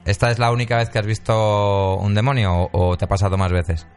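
A man's voice: lowish voice, steady tone, fairly quick, clean tone, faint music behind. A man with a Spain Spanish accent interviews in a chatty way, asking follow-up questions. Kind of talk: casual interview.

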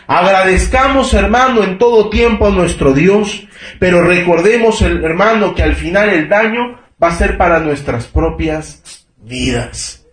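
A man's voice: high voice, measured pace. A man in his thirties preaching a sermon, emphatic and constantly calling his listeners brother and checking that they follow him. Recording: echoey room.

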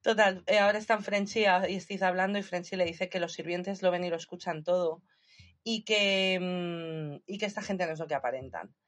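A woman's voice: fairly low pitch, fairly even intonation, normal speed. Chatty woman recapping a show. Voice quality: chatty, laughs often, retells scenes animatedly. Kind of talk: casual podcast chat recapping a series.

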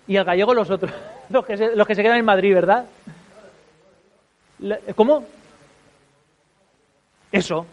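A man's voice: high-pitched, rough recording. A man, a podcaster giving an informal talk to an audience, chatty and constantly checking in with his listeners. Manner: chatty, constantly tags sentences with a questioning check.

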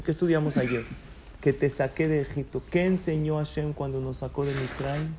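A man's voice: on the high side, mellow, slight background noise. A man teaching a casual religious class, asking students questions and joking with them. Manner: conversational, asks students questions and jokes. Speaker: Torah teacher.

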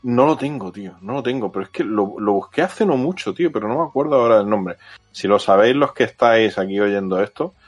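A man hosting a casual chat in an excitable, slangy, repetitive way. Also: fairly low pitch, quick pace, husky, highs cut off. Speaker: podcast host.

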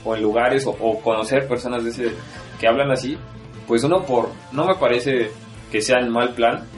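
With soft music in the background, a young man speaks at normal speed in a medium-pitched voice. He hosts a podcast in Mexico City Spanish, keeping the chat long, loose, and relaxed while laughing frequently.

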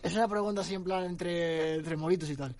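A young man with a high voice talks in a lively, casual way. He throws in hermano and tío all the time, and the sound is dry and close to the mic. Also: fairly quick, no echo. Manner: animated, says hermano and tío a lot. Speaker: comedy scriptwriter, co-host. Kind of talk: casual podcast chat.

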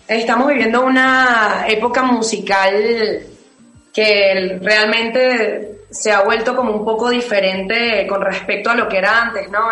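A woman's voice: mid-range voice, fairly bright tone, echoey room, low-quality recording. A singer-songwriter woman from Venezuela in her late twenties, answering interview questions thoughtfully with many fillers and restarts.

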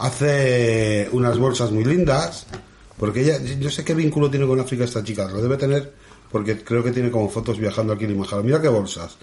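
A man's voice: medium pitch, brisk, a little mellow. A man from hosting a podcast, chatting in a campy, playful way. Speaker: podcast host. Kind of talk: casual chat. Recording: roomy echo.

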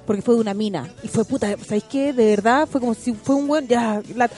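Slangy Chilean woman with a mellow voice. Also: fairly high pitch, soft background music. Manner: fast, slangy, animated storytelling. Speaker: comedian and show host. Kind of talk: casual chat.

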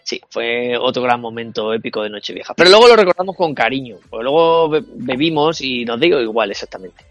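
A young man telling a comic anecdote to friends, animated and swearing freely as he acts out what others said. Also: medium pitch, a little fast, hardly any pauses, dry recording, highs cut off, faint music behind. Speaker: storyteller on a New Year's Eve show.

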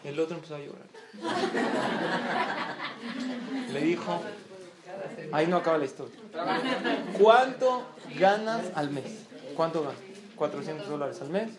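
A man's voice: on the high side, slow, long pauses, a loud crowd. A man giving a religious talk, telling a story and acting out the dialogue, in an echoey room. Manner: animated storytelling, acts out dialogue. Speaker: religious lecturer. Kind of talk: storytelling lecture.

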